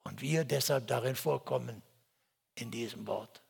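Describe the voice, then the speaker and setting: A man preaching a sermon with a dramatic delivery, moving from hushed whispers to loud exclamations. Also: mid-range voice, measured pace, creaky, slightly rough.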